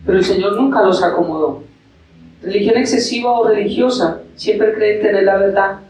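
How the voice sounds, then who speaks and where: A man's voice: high voice, normal speed, darkish tone. A male pastor, preaching a sermon full of rhetorical questions and acted-out quotes. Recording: echoey hall, from far off.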